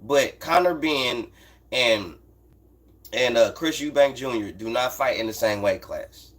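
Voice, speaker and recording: At a measured pace, an American man with a medium-pitched, slightly bright voice hosts a boxing talk livestream. His casual, unscripted commentary and chat responses are profane, blunt and emphatic, with phrases repeated to drive things home.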